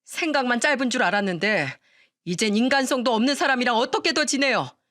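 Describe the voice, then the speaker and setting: An indignant husband scolding his own father, as a woman reading a radio story puts him on. His raised voice is sharp with reproach. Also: a little high, lively intonation, fast talker. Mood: angry. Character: angry grown son, the husband.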